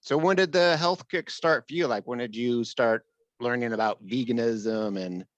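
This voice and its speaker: A man's voice: mid-range voice, moderate pace, no room sound, dull audio. A man, hosting a casual podcast interview and chiming in with easy, affirming remarks. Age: 50s. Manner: easygoing, affirming with frequent "right, right". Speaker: podcast host.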